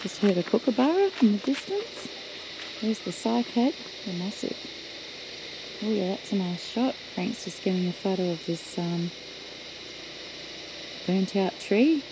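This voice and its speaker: An Australian woman talks casually while touring the beach and bush, pointing out what she sees and laughing easily. Her voice sits at an ordinary middle pitch. The outdoor recording carries clear background noise from cars and the surroundings. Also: animated, measured pace, long pauses. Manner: chatty, laughs often, points out sights. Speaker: travel vlogger. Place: outdoors, driving the beach and walking bush tracks.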